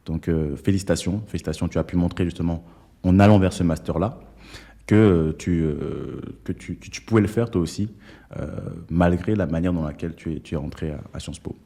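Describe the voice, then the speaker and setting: A man's voice: low-pitched, brisk, mellow. A young man from Togo hosting an interview, speaking casually with frequent fillers and restarts. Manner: hesitant, many fillers and restarts. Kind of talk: conversational interview.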